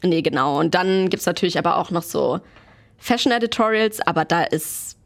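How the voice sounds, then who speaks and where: A woman's voice: lowish voice, lively intonation, moderate pace. A young woman, chatting as an interview guest and mixing in English phrases. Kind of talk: casual interview chat.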